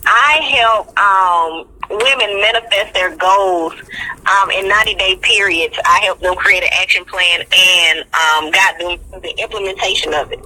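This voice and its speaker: A woman's voice: mid-range voice, measured pace, bright, forceful tone, a little hiss or hum, low-quality recording. A woman life coach calling in, heard over a phone on speakerphone, laughing easily and earnest. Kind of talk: call-in chat.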